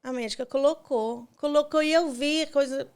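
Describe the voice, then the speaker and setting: A woman with a high voice, fairly even intonation and normal speed appears as a podcast guest. Tearfully, she recounts a painful personal story, acting out each exchange in quoted dialogue as her voice softly breaks.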